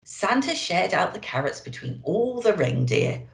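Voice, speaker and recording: Playing an elf, a storyteller animatedly reads a picture book to young children, speaking to them directly with expressive, lively rises and falls. Her slightly low voice is unhurried with vocal fry, lingering on phrases. The indoor sound is roomy and noticeably echoey.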